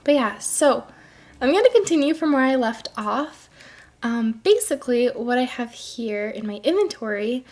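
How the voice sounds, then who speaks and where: A woman's voice: a little high, animated, normal speed, darkish tone. A woman chatting casually through gameplay commentary, her throat a little congested, often correcting herself mid-sentence and gushing over cute things. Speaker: gaming video creator.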